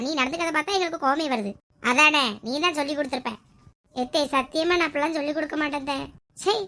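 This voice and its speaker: High bright girl performing a homemade family skit, playing every part.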